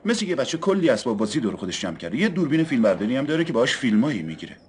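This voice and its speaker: A man's voice: mid-range voice, sing-song, a little mellow, lightly acted. An actor dubbing a young man who chats and tells odd stories about a neighbor. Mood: chatty. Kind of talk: dubbed film dialogue.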